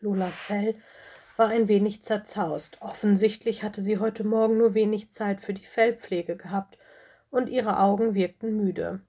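A woman reading a children's animal story aloud as narrator, in a calm, even way. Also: medium pitch, a little slow, husky.

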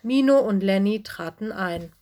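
A woman reads a children's story aloud in a calm, expressive voice. Her delivery stays steady and clear, as is typical for scripted storybook narration. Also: medium pitch, unhurried. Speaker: audiobook narrator.

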